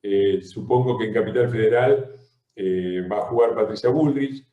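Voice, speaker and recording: Combative Argentine man, low and roomy. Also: moderate pace, phone-quality sound. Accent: Argentine Spanish. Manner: combative, emphatic, frequent hesitations. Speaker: host and legislator. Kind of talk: political talk show discussion. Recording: roomy echo.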